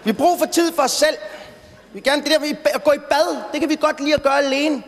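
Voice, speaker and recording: A man's voice: very high-pitched, fairly even intonation. A young man doing a brash, rambling stand-up routine on stage, sometimes stuttering when worked up. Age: young adult. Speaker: stand-up comedian. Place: stage in a large hall before an audience. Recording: reverberant hall, faint noise.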